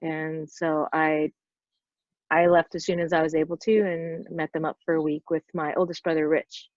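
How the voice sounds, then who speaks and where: Here a forties-aged woman appears as a podcast guest; she's a stunt performer who wanders through her anecdotes in a relaxed interview, leaning heavily on "like." Her low-pitched, level voice moves at a moderate pace and sounds a little mellow. There's no echo, and the lo-fi audio comes across dull and dry.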